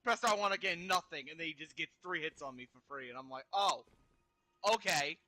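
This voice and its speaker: A young man in casual banter while playing a video game with a friend, excitable, laughing often and swearing freely. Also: fairly high pitch, fast talker, no room sound. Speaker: co-op gaming partner.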